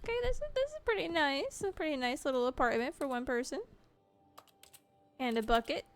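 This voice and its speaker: A woman's voice: high-pitched, animated, brisk, soft background music. A woman giving playful, casual gameplay commentary as she plays. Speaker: gamer, let's player.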